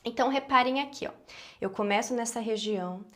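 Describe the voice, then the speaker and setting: A woman's voice: fairly high pitch, fairly quick. A woman with a Brazilian Portuguese accent teaching a singing lesson, explaining patiently and checking in with her students often.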